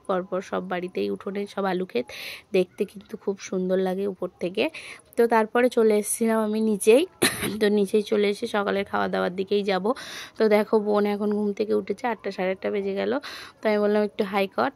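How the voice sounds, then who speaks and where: A woman's voice: medium pitch, vocal fry, dark tone. A young woman, narrating her family's day in a homely, chatty vlog and talking straight to her viewers. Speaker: family vlogger.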